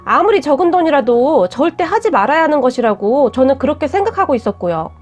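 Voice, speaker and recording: High-voiced young woman telling a story. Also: quick pace. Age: young adult. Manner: plain, steady storytelling. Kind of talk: first-person story narration. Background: faint music.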